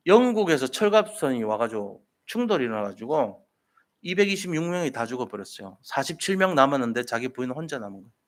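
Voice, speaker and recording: A man's voice: mid-range voice, big pitch swings, quick pace. A man preaching a sermon as a pastor, telling a story and putting rhetorical questions to the congregation.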